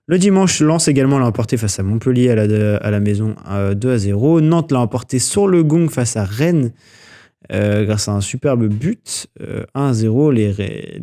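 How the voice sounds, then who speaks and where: A man's voice: medium pitch, dark tone. A man hosting a casual sports news podcast, talking loosely with many fillers, restarts and self-corrections as he runs through weekend results.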